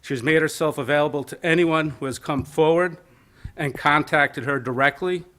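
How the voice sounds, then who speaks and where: A man's voice: fairly high pitch, moderate pace, bright, forceful tone. A man giving an informal nominating speech at a local caucus meeting, mixing in joking asides with plainspoken emphasis. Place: community center meeting room.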